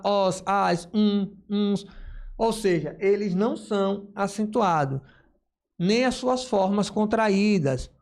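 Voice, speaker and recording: A male teacher giving a grammar lesson, explaining step by step and voicing imagined student questions. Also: high-pitched.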